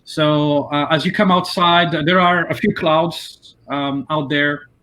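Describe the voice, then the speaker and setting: A man narrating as game master of a tabletop game, halting with many fillers and restarts. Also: a little high, steady tone, sharp tone.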